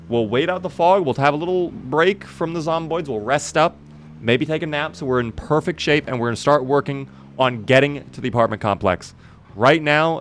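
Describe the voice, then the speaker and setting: A man's voice: medium pitch, fairly bright tone, slight background noise. A man doing casual live commentary while playing a survival video game, chatting to viewers in a wry, mock-dramatic way.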